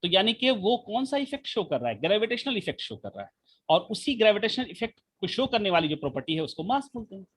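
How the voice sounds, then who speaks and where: Guy teaching physics online, high husky voice, mic right up at his mouth, keeps checking everyone's following. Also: big pitch swings, fast talker, fairly bright tone. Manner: repetitive, checks in constantly with rhetorical questions. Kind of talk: live online class lecture. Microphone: mic held right at the mouth.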